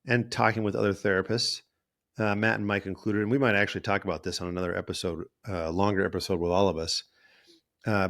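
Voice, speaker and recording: Rambling, self-correcting man, fairly low voice. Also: a bit bright. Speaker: podcast host and therapist. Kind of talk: casual monologue.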